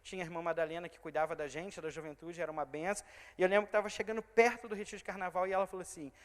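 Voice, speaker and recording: A church worker in his thirties with a Rio de Janeiro state Brazilian Portuguese accent preaches a testimony sermon in a reverberant church hall. He tells stories, acting out the people he quotes with swings between loud and hushed, and his high voice races along with fairly even intonation.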